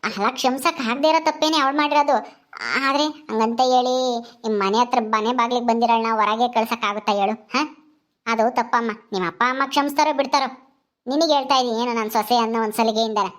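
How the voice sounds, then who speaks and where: A woman voicing a calm older mother-in-law who soothes and gently scolds in a family drama skit. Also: a little high, fast talker, natural voice. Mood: soothing.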